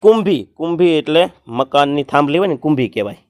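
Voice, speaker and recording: A man, teaching an exam-prep grammar lesson and explaining word meanings one by one, sometimes chanting a verse slowly. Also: a little high, lively intonation, no room sound, studio quality.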